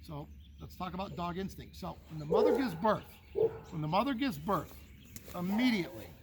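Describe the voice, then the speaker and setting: A man's voice: sits high, very animated, normal speed, very noisy. A man training dogs, explaining behavior to an owner in a folksy way, using homely analogies and checking in with "okay?". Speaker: dog trainer. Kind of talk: casual instruction to a dog owner.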